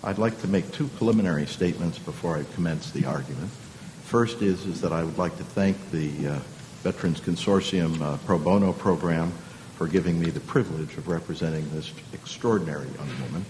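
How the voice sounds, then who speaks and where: A man arguing formally as a lawyer before a court, deliberate and halting with frequent hesitations. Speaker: appellant's lawyer. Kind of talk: formal oral argument to a court. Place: large conference hall. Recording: reverberant hall, faint rumble.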